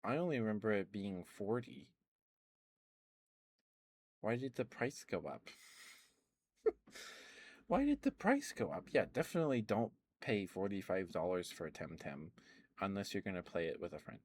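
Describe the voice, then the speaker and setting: A man with a lowish, sing-song voice streams ASMR, rambling casually to live viewers at a normal speed. He meanders and chats, pausing often and filling the gaps with lots of ums and little laughs.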